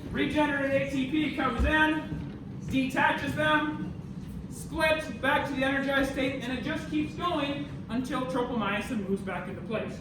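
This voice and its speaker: Speaking at a measured pace in an extremely high pitch, an American university instructor runs a theatrical, informal class, directing and questioning students. The animated lecture is part of a live demonstration indoors. An echoey room, far mic, and noise mark the recording.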